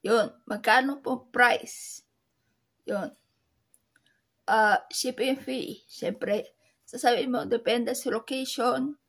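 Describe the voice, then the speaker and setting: Woman online seller, soft teary-sounding voice, slightly high and breathy, halting casual delivery. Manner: slow, halting, with many fillers. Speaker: online seller sharing tips. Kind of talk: casual vlog talk.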